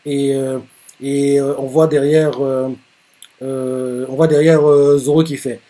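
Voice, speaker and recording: A man hosting a live manga reaction, retelling the chapter excitedly with lots of fillers and laughter, his voice jumping up high when he jokes. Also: takes it slowly. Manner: jumps up high when joking.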